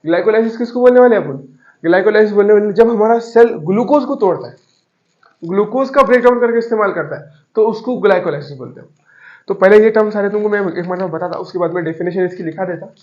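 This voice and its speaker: A male teacher giving a classroom lecture, explaining slowly with homely examples and repeating key terms. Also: sits high. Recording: echoey, dull classroom recording.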